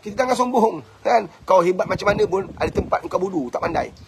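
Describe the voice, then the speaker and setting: A man's voice: high voice, lively intonation, fast talker, gravelly, darkish tone, a little hiss or hum. A middle-aged man with a Malaysian Malay accent, a religious school head lecturing parents in a blunt, preachy way and often asking rhetorical questions.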